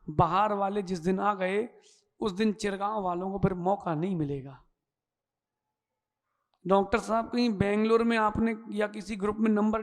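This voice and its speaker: A Jain monk giving a sermon, telling folksy stories and acting out the characters in a lively way. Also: male voice, high voice. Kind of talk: sermon with storytelling. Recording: long hall reverb.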